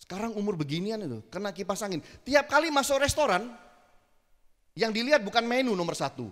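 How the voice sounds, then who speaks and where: Animated high-voiced preacher in echoing church. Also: male voice, a little fast. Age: middle-aged. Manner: animated, conversational, acts out quotes. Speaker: pastor. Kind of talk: sermon. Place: church hall. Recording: long church hall reverb.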